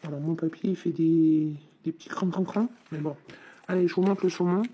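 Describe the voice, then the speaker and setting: A woman's voice: low voice, fairly even intonation, a little fast, dark tone, dull audio, slight background noise. A woman with a slight head cold chats informally to her viewers while unboxing and trying out her hobby supplies. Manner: chatty and informal, talks straight to viewers. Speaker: hobby vlogger. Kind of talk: casual unboxing and demo chat.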